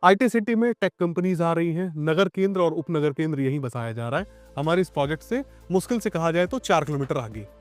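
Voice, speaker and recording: A man with a Lucknow accent walks viewers through a plot site outdoors, explaining and prompting his guest with questions. His voice sits a little high. Soft music plays faintly underneath. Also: lively intonation, brisk, hardly any pauses. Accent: Lucknow Hindi. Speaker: property video host. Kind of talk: on-site walkthrough interview.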